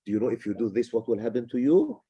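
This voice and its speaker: A man voicing a sensible mother who calmly explains a punishment to her child, with a husky voice. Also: medium pitch, fast, muffled recording. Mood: firm. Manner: calm, instructive.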